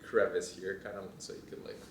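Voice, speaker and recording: A young man, a fashion design student, chatting casually in a vlog, rambling and trailing off into quiet asides. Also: low-pitched, little pitch movement, brisk, recorded from a distance, a little hiss or hum. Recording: roomy sound from off mic, faint ambience.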